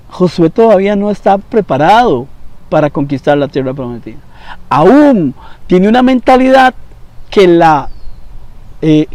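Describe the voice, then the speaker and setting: A man in his fifties teaching a devotional Bible lesson, animated, jumping between loud emphasis and quiet asides. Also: on the high side, no echo. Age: 50s. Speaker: preacher.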